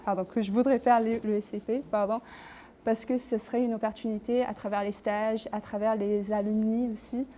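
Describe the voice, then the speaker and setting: A woman's voice: on the high side, steady tone, normal speed, warm tone, a little hiss or hum. A young woman answering questions in an admissions interview, hesitant, with many fillers and self-corrections. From Australia. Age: young adult. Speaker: interview candidate.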